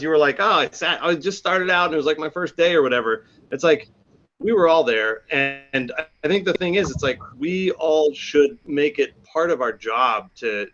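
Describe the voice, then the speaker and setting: A man's voice: mid-range voice, a bit bright. A man giving an earnest informal thank-you speech over a video call, his voice dull and lo-fi through a bad connection. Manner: earnest, many restarts, builds in force. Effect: bad connection, dull lo-fi call audio. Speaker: community guest speaker.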